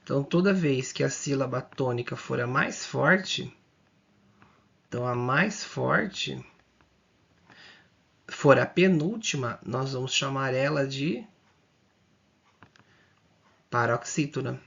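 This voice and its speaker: Gravelly husky male teacher, lo-fi sound. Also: mid-range voice, a bit bright. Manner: explains slowly and repeats, drawing out words, checking in often. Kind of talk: exam-prep grammar lesson.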